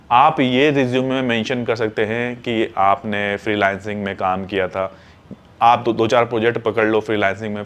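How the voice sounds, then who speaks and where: A man hosting his own video channel, speaking in a casual advice style. He talks loosely and informally and often repeats or restarts a phrase as he works out his point. English words turn up throughout his speech. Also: medium pitch. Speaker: YouTube host.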